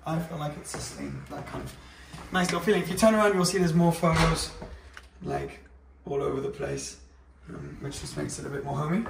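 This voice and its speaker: Young man, casual house tour, gravelly edge, roomy echo, mic a bit distant. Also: fairly high pitch, background noise. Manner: relaxed, chatty, many fillers, walking while talking. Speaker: vlogger giving a home tour. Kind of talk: casual chat. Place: indoors, modern house, moving room to room. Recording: echoey rooms, slightly distant mic.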